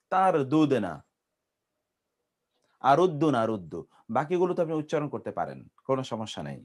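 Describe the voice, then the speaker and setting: A man with a Bangladeshi accent and a slightly mellow voice on the high side teaches an Arabic grammar class. In this classroom lecture he drills conjugations, spelling out verb forms syllable by syllable and quizzing his students.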